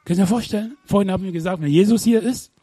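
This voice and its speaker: A man preaching a sermon, animated, firing rhetorical questions at the congregation and sometimes bursting into shouts. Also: high-pitched, very fast, breathy edge, no echo, clean studio sound. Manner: bursts into shouts when retelling.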